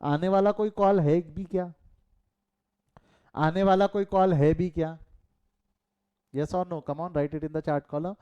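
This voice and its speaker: This commerce teacher, a middle-aged man with an Indian accent, goes slowly and pauses often, his mellow, slightly high voice clean in tone with fairly even intonation. In his live online class he alternates Hindi and English, poses questions to students and tells chatty side stories. He is miked closely on a call, and the audio comes out muffled.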